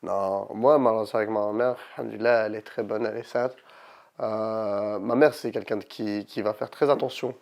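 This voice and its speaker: A man in his twenties, a co-host in a casual studio podcast, speaking calmly and plainly. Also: fairly low pitch, moderate pace, creaky. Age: 20s.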